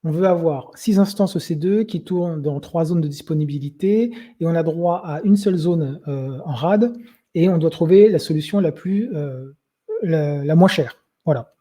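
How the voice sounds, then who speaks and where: A man's voice: a little high, normal speed, warm tone. A young man giving a conversational webinar talk, hesitating often with filler sounds. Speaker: webinar presenter.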